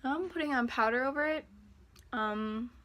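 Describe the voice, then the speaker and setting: A woman's voice: high voice, normal speed, bright, forceful tone. Chatty self-mocking teen girl vlogger. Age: teens. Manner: rambling, self-deprecating and chatty. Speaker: beauty vlogger. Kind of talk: casual get-ready-with-me vlog. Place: home bathroom. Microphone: phone camera nearby.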